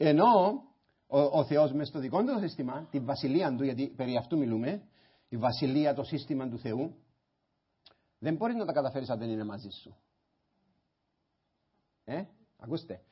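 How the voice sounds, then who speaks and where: A man preaching a sermon as pastor in a church, moving between quiet explanation and passionate shouting. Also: medium pitch, slightly rough. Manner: impassioned, swings from quiet talk to shouting. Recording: dull lo-fi sermon recording.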